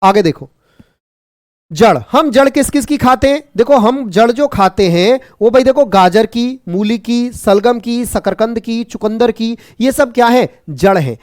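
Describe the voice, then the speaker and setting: A man teaching an online exam-prep class, brisk and repetitive, teasing and jokingly scolding his students. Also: extremely high pitch, expressive, darkish tone, no echo, studio quality.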